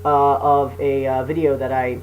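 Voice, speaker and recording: A man's voice: mid-range voice, little pitch movement, measured pace, dull audio. A man speaking casually and apologetically to viewers as a video creator, hesitant, sweary and self-deprecating. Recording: noisy hum, poor microphone.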